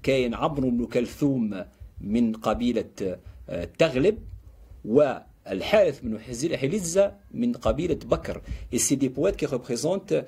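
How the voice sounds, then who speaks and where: Lively-voiced man explaining with warmth. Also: medium pitch, quick pace, breathy edge. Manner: animated storyteller, quotes Arabic verse. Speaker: guest author. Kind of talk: explanatory interview talk.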